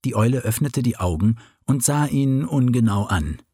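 A man reading a children's story aloud in a slow, expressive storybook narration. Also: medium pitch, slightly rough, dry recording, studio quality.

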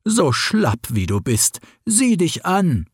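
A man's voice: a little high, wildly swooping pitch, takes it slowly, husky, dry recording, clean studio sound, pitched above the performer's own voice, full character voice. A man voicing a sleepy, curt old female owl with a snarling voice, in a storybook reading. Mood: brusque.

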